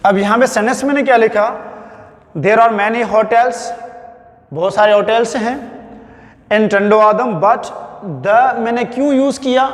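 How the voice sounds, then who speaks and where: A male English teacher with a Sindhi-accented Urdu, giving a classroom grammar lesson. He talks slowly, dictates words syllable by syllable and calls his students "my child". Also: very high voice, steady tone. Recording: echoey classroom with long reverb.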